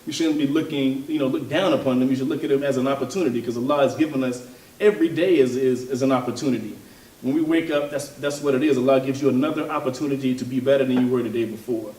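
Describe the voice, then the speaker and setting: A man's voice: mid-range voice, quick pace, dark tone. Thoughtful man speaking in a roomy space. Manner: thoughtful, hesitant, with frequent fillers and restarts. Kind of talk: informal religious and political talk. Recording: roomy, from a distance.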